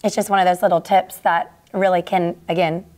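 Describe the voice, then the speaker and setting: A woman's voice: fairly low pitch, flat delivery, fairly quick, darkish tone. A woman guest on a lifestyle show, chatting enthusiastically while walking through a recipe step by step. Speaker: food business founder, guest. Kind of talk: casual how-to demonstration.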